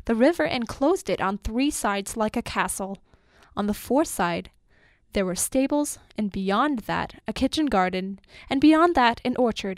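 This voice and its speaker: Woman reading a storybook, slow and expressive, bit high voice, really dry close mic. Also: no echo. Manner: measured and expressive, lingering on lists. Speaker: narrator.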